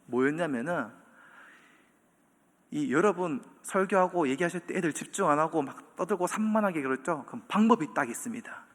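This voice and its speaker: A man, preaching a sermon as pastor in animated storytelling style, acting out quotes and chuckling. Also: fairly high pitch, brisk. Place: church sanctuary. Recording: long church hall reverb.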